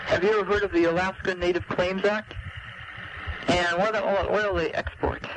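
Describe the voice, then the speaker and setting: A man's voice: sits high, level tone, fairly quick. A man leaving an earnest, emphatic political message as a caller to a comment line, with a reproving manner. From lives in California. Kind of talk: earnest political argument, partly prepared. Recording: noisy recorded phone message. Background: clear background noise.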